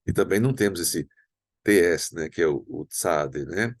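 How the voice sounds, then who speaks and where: A man with a Brazilian Portuguese accent teaching a recorded Hebrew lesson, patiently explaining and slowly sounding out words. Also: low-pitched, expressive, no echo, clean studio sound. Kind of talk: recorded online language lesson.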